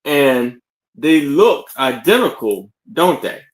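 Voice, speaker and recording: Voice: mid-range voice, sing-song, slow pace. A speaker describing items on a casual live sale, stumbling and hesitating over words.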